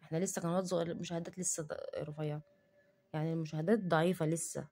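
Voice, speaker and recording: A woman's voice: deep voice, steady tone, rapid-fire, mellow. A woman with an Egyptian Arabic accent, talking to camera in a casual cooking vlog and defending herself in an indignant rant. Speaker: cooking vlogger.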